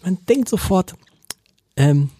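A man's voice: high-pitched, lively intonation, slow pace, warm tone. A man hosting a podcast in casual chat, laughing often and restarting his sentences. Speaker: podcast host.

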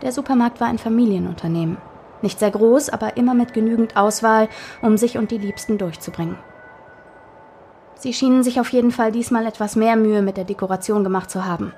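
A woman narrating a scripted spooky Halloween story in a measured storytelling manner. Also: a little high, dark tone, slight background noise.

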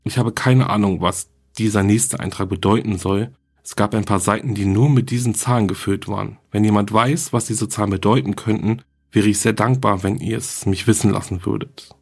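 A man narrating a horror story in a calm, plain reading voice. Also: fairly low pitch, normal speed, vocal fry, husky.

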